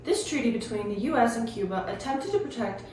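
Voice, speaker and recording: A young woman playing a TV news anchor, reading her script in a steady, earnest way. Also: a little high, a little fast, a little hiss or hum, close to an everyday voice. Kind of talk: amateur school-project skit. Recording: echoey room from far off.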